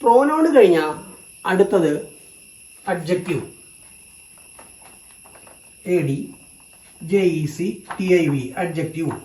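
A teacher giving a grammar lesson, slow and repetitive, stating each term in two languages. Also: mid-range voice, big pitch swings, a little mellow, roomy sound, rough recording.

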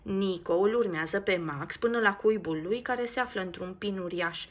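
Husky woman reading a children's story. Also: medium pitch. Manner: lively, expressive reading. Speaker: narrator. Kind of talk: storybook read-aloud narration.

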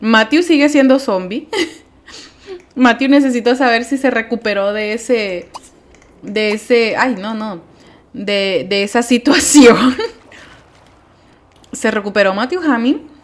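Female let's-play host, higher pitch, chatty, jumpy and prone to shrieking. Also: takes it slowly, pauses often. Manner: chatty, easily alarmed, shrieks at scares. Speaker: gameplay commentator. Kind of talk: casual let's-play commentary.

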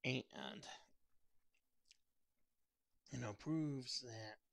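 A man reviews food in a casual vlog, talking while chewing. His delivery is slow and halting, full of fillers. The recording is dry and close. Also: medium pitch, creaky, fairly bright tone, no echo. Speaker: mukbang vlogger.

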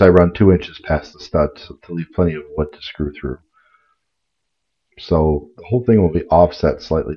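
Middle-aged guy, deep voice, walking thru a diy job in his garage, kinda muffled camera sound. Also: husky. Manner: plain, practical explaining with small restarts. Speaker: DIY channel host. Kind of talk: casual workshop tutorial. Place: home garage workshop.

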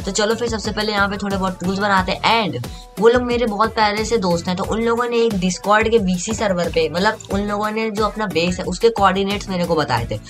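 A young man giving excited gameplay commentary as a gaming YouTuber, repeating words in a rush. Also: high-pitched, brisk. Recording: background music under voice.

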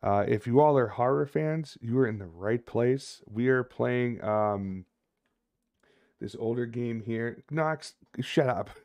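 A man's voice: mid-range voice, slow pace, a little mellow, dull audio. A man in his thirties giving casual, sweary commentary on a horror game livestream. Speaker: game streamer. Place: indoor room at a streaming desk.

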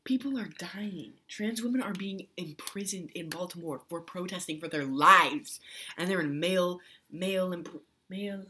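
A man's voice: sits high, moderate pace. A young man talking casually to camera in a vlog, rambling with restarts and fillers. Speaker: vlogger.

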